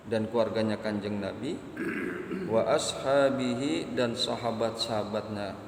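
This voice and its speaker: A man delivers a sermon in an unhurried, deliberate way, repeating his phrases and chanting Arabic lines. His voice rings in a long, echoey hall with a faint hum of ambience behind it. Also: lowish voice. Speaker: Islamic preacher.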